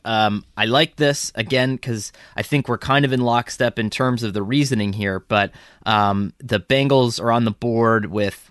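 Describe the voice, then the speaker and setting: A man's voice: mid-range voice, a bit bright, no echo, studio quality. A man co-hosting a sports podcast in a loose, rambling way, with frequent restarts. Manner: rambling, lots of ums and restarts. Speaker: podcast co-host. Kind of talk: casual sports podcast chat.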